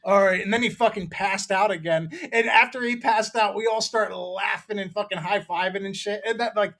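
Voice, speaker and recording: A man's voice: high voice, fairly even intonation, moderate pace, fairly bright tone. A man in his thirties from Maryland, co-hosting a podcast and telling a rambling, profane story in casual chat. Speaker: podcast co-host.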